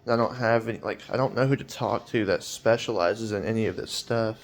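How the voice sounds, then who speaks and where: Weary, rambling young man, lowish voice. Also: brisk. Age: 20s. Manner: hesitant, rambling, many fillers and trailing off; weary, anxious. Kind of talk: personal vlog monologue.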